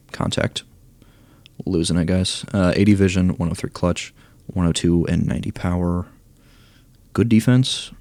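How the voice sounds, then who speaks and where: Young male gamer, deep and hoarse, slow relaxed delivery, thinking aloud. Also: no echo. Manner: low-key, thinking aloud, reading stats. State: losing his voice, hoarse. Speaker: gaming YouTuber ranking cards. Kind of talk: casual commentary.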